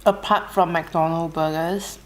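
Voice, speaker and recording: An Australian woman chatting casually while she eats, relaxed and unhurried, pausing between bites with soft hums. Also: low-pitched. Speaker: mukbang vlogger. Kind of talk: casual chat while eating.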